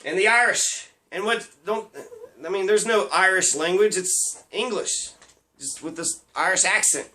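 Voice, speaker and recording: A man's voice: sits high, a little slow, pushed and bright, slight background noise. A man delivering a rambling, profane ranting monologue, sarcastic and laughing at his own jokes.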